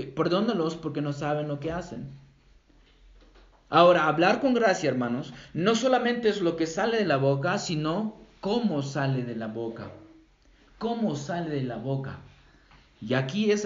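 Male pastor, preaching emphatically with a slightly high voice, recorded in a roomy space. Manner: emphatic preaching, repeats key phrases, asks the congregation "right?". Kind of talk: sermon. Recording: roomy, dull lo-fi sound.

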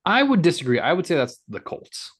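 A man's voice: fairly high pitch, big pitch swings, fairly quick, a bit bright, slightly rough. A young man co-hosting a sports podcast, chatting casually and laughing often between playful bits. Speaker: podcast co-host.

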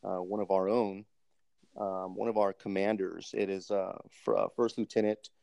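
A man's voice: low-pitched, level tone, normal speed, gravelly, dark tone, dry recording. A man hosting a podcast interview, polite and formal, with many ums, calling his guest sir. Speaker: host, military doctoral student interviewer. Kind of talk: casual interview, recorded podcast segment.

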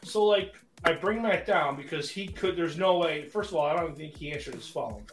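A man's voice: on the high side, moderate pace, reverberant, over music. A man co-hosting a casual podcast, telling a rambling travel story full of fillers. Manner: rambling, animated, many fillers. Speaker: podcast co-host.

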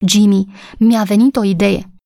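A woman voicing a cheerful, kind young married woman who talks brightly and eagerly in an audiobook story. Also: medium pitch, fairly even intonation, vocal fry, no echo, clean studio sound, natural voice.

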